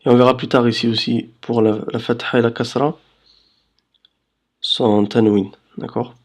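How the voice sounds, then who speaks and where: A man teaching Arabic letters in a slow voice-over lesson, patiently checking understanding and drawing out syllables. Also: mid-range voice, flat delivery. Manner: drawls syllables slowly for demonstration. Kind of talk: slow screen-recorded lesson.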